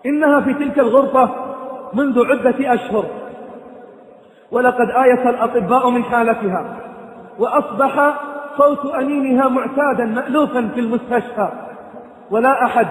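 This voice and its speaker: A male preacher narrating a moral story in sermon style, addressing his listeners directly and dramatically. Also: very high voice. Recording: echoey hall reverb.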